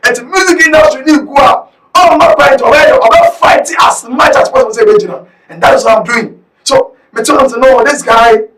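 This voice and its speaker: A man with a Ghanaian English accent delivers impassioned political commentary, his voice pitched very high with a sharp, bright edge. He shouts often and moves between English and Twi. The recording is roomy and echoey, with the mic set some distance away. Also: animated, a little fast.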